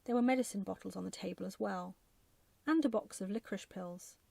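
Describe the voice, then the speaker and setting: Soft, creaky woman reading a bedtime story. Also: mid-range voice, fairly quick, dry recording. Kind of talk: soft ASMR scripted storytelling.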